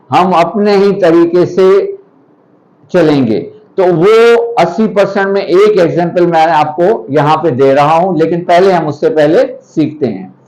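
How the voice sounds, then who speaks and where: A man's voice: a little high, a little mellow, dull audio. A man teaching an English grammar lesson, patiently explaining step by step with example sentences.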